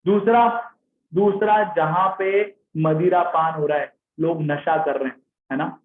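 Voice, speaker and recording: A man narrating a devotional story in a live sermon, lively and often checking in with his listeners. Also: on the high side, takes it slowly. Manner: lively, checks in with listeners, reads out chat names. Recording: tinny phone-like sound.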